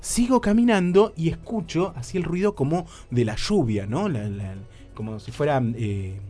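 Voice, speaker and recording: Animated Rioplatense man telling a story. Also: fairly high pitch, moderate pace, faint music behind. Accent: Rioplatense Spanish. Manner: animated, acts out his own lines, crude slang. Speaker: radio comedy host telling a story. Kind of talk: comic storytelling on radio.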